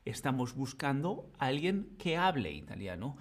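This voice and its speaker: A man's voice: mid-range voice, big pitch swings, normal speed. A man teaching a live-streamed grammar lesson, patient and playful, talking to his chat. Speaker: Spanish teacher.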